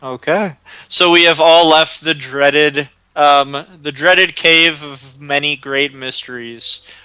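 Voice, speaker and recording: A man runs a tabletop game, narrating at a slow, deliberate pace with frequent ums and uhs. His voice is bright and very clear, recorded close and dry. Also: on the high side, steady tone, dry recording, poor audio. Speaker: game master.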